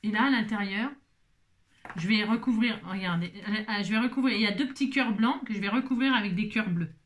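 Woman host for a casual craft tutorial, playful and chatty, talks to herself as she works, mid-pitched voice. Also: fairly quick. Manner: talks to herself and viewers while working, playful teasing asides.

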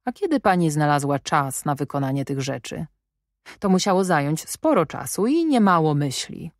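A brusque, commanding gentleman, as a woman reads him aloud for an audiobook, questioning sharply and with dry irony. The voice sits low and is heard close and dry, with no room sound. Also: sing-song, moderate pace, no room sound. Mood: imperious. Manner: imperious, probing, sardonic. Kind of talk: audiobook reading.

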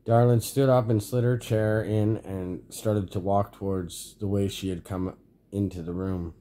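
A man reading a story aloud as narrator, halting and repeating words. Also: lowish voice, steady tone, mellow. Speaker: amateur story reader.

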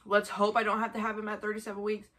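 A woman's voice: mid-range voice, completely flat delivery, fast talker, a bit bright. A woman of twenty-five talking casually to the camera in a rambling, informal way, often repeating herself. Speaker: vlogger filming a mukbang. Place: small bedroom, indoors. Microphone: camera a short distance in front of her.

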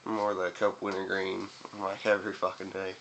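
This video reviewer talks casually to the camera in a small room near a window, his mouth full of chewing tobacco as he rambles and curses. He's a young man whose low-pitched, slightly bright voice stays monotone and moves a little fast. The room recording has a noisy, webcam-like quality.

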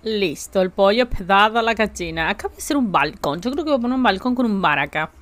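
A woman's voice: mid-range voice, lively intonation, fast, dry recording. A woman with a Rioplatense Spanish accent, chatting casually with her live-stream chat while building in a game, jokey and talkative.

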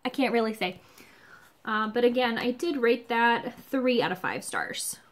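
A woman's voice: fairly high pitch, unhurried. A woman in her thirties chatting casually through a book review in a conversational, musing way at home. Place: small home room, indoors.

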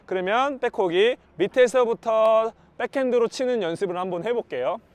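A man's voice: high voice, normal speed. A man teaching badminton defense, explaining and counting his strokes aloud while he hits against a wall. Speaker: badminton coach. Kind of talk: instructional demo while practicing.

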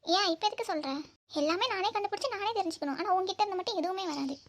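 A woman's voice: very high voice, racing, slight background noise. A woman voicing a hurt, angry young woman in a cartoon, reproachful and demanding. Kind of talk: cartoon voice acting.

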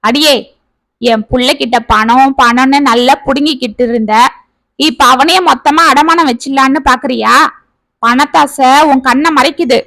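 A woman voicing a soft-spoken, long-suffering village father in a family storybook tale, fond and pleading with his children. The voice sits high, and the sound is close and dry. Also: moderate pace, gravelly, no room sound. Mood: scolding.

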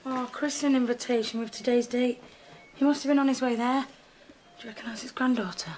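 A woman's voice: fairly high pitch, fairly even intonation, brisk, darkish tone, a little hiss or hum, lightly acted. A woman playing a wry, outspoken but compassionate staff nurse in a medical drama, frank in manner. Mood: concerned. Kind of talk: filmed medical drama acting.

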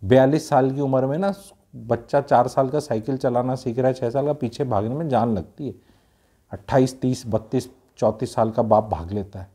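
A man from Haryana gives frank, casual advice to young people, slipping English into his speech. His voice is mellow and relaxed. He drives his points home with rhetorical questions. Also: medium pitch, moderate pace, husky. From Haryana, India. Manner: blunt, mixes Hindi with English, rhetorical questions. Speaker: youth advice speaker.

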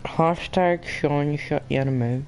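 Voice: mid-range voice, takes it slowly, crowd noise, low-quality recording. A streamer with a Scottish accent, bantering casually over a game with cheeky, slangy teasing. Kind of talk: casual banter while gaming on a livestream.

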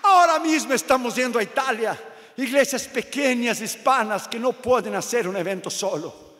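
High-voiced impassioned man preaching in a hall. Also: normal speed. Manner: impassioned, builds to shouted repeated phrases. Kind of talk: sermon. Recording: long hall reverb with faint music.

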